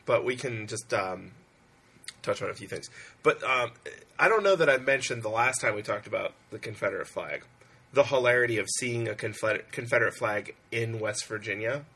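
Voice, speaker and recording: A man's voice: mid-range voice, a little fast, pushed and bright, husky. A man co-hosting a podcast in casual, sardonic chat, rambling with restarts. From Pennsylvania. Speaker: podcast co-host.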